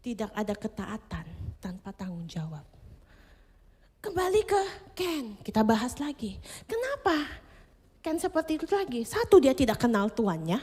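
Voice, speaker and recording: Lively woman preaching in a reverberant hall. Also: on the high side, moderate pace, breathy edge. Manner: expressive, mixes English phrases, acts out quoted inner voices. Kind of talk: sermon. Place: church hall.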